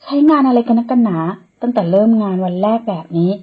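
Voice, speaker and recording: A woman voicing a feisty, quick-tempered young heroine who argues back. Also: breathy edge, narrow, tinny audio. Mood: pleading. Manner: sharp and argumentative, pitched up.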